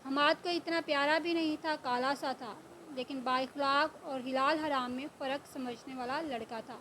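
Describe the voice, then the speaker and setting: A woman's voice: high-pitched, steady tone, a bit bright, a little hiss or hum, rough recording. Woman voicing a scornful stubborn young woman. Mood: defiant.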